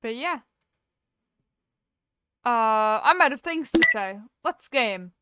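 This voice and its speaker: A woman's voice: fairly high pitch, lively intonation, slow, heavy background noise. A woman hosting a casual gaming livestream, chatting playfully with exclamations and self-interruptions, on a close compressed streaming microphone. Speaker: game streamer host. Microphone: close streaming microphone with software compressor.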